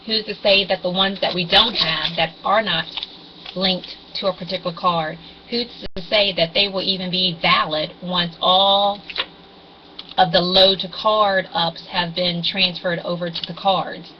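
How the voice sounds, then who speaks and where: Speaking unhurriedly in a fairly low, steady voice, a woman in her forties gives a rambling, casual webcam explainer on couponing, hesitating with frequent ums. Her audio is dull and fuzzy with distortion. Background noise can be heard.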